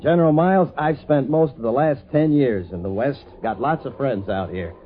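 An actor playing a cocky, wry frontier painter with sardonic banter, in old radio drama style. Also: male voice, mid-range voice, moderate pace, close to an everyday voice. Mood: hearty, familiar. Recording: phone-like, thin old radio recording.

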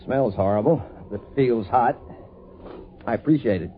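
An actor playing a cocky, wry frontier painter with sardonic banter, in old radio drama style. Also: male voice, medium pitch, moderate pace, noisy background, close to an everyday voice. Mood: wry, probing. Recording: phone-like, thin old radio recording.

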